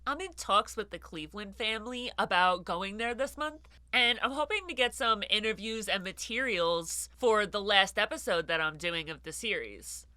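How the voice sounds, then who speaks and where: A woman's voice: medium pitch, moderate pace, few pauses, bright, forceful tone, dry recording. A woman hosting a true-crime show in a casual, chatty way, with a congested, nasal voice from a stuffed nose.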